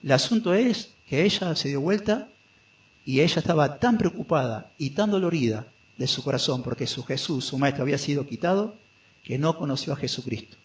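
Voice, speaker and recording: Argentine pastor with a question-and-answer delivery. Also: male voice, a little high, animated. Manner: asks the congregation questions and answers them himself; drops to a soft, slow voice when quoting scripture. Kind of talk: expository sermon.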